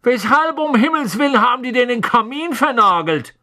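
Brief: male reader voicing an eager, bright-toned middle-aged wizard dad in an audiobook, lively and curious. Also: on the high side, takes it slowly, creaky, husky, voice pushed up, exaggerated voice. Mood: excited. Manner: excitable, wondering. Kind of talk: audiobook character voice.

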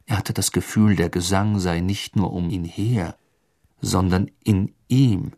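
A man with a low voice reads a storybook aloud as narrator, expressive and dramatic. The sound is dry and close, with no room around it. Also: a little slow, no echo. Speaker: audiobook narrator.

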